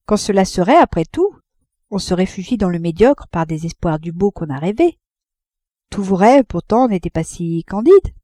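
A woman voicing a reserved married lady who teases gently in an audiobook reading. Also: medium pitch, very animated, moderate pace, no echo, clean studio sound. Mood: teasing.

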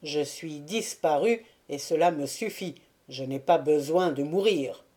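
A woman reading the part of a surly, brooding old male buccaneer gunner, voiced lower and grumbling. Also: a little slow, warm tone. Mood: gruff.

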